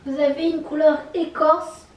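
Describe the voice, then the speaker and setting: A woman's voice: high voice, little pitch movement, a little slow, distant mic, muffled recording. A woman vlogger presenting makeup colours in a casual show-and-tell, hesitant, with many fillers and repeated colour names. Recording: roomy echo, from off the mic.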